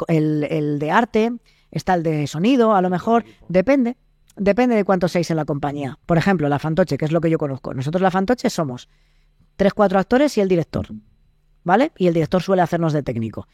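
A man's voice: a little high, lively intonation, brisk, a little mellow, no room sound, clean studio sound. A young Spanish man, an actor, explaining his work in casual interview chat and acting out quoted dialogues. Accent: Spain Spanish. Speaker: actor and podcast guest.

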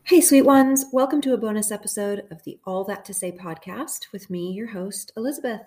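A woman's voice: mid-range voice, brisk, darkish tone, slight background noise. A woman hosting a podcast, reading an excerpt from her own novel in an intimate, earnest way. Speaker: podcast host.

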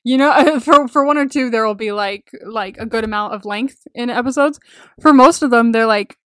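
Gushing, excitable young woman, higher voice. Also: normal speed, clear, resonant tone, dry recording, studio quality. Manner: gushing, excitable, swears freely; rambling, peppered with "like". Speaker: podcast co-host. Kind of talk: casual chat about a TV series.

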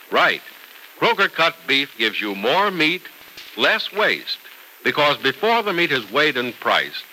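Very bright, punchy old-time radio announcer man. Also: medium pitch, rough recording. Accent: American. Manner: old radio announcer delivery, emphatic and salesmanlike. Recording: old radio recording, faint noise.

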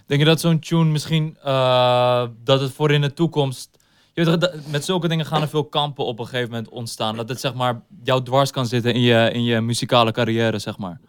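A man's voice: medium pitch, fairly even intonation, brisk, clear, resonant tone. A man interviewing a guest in a casual chat, asking longer, probing questions.

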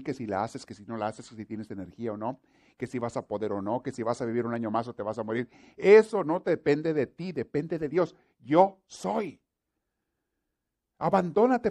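A man's voice: mid-range voice, dark tone, voice pushed up, natural voice. A man preaching a sermon gives voice to God, a mighty, commanding male divine presence who talks in solemn, proclaiming phrases and keeps repeating one name.

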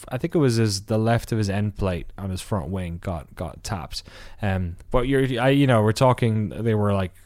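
A man with a smooth, resonant voice, recorded close and dry, recaps a race in casual podcast chat. He rambles and restarts, filling gaps with "uh" and "um". Now and then he drops in a wry aside. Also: fairly low pitch, a little mellow, no echo. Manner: rambling with many fillers and restarts. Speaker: podcast host.

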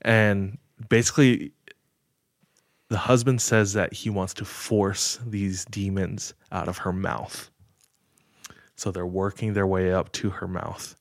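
A man casually retelling a story on a podcast, measured and full of filler words. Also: sits low, steady tone, gravelly, dry recording, studio quality. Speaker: podcast host telling a story.

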